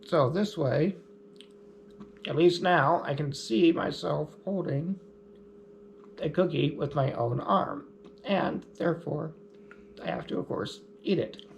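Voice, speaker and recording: A man speaking in a casual, explanatory vlog style, unhurried and easygoing. His voice sits slightly high and carries a gravelly edge. Faint room noise sits behind him. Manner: easygoing, plainspoken, lightly humorous. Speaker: vlogger.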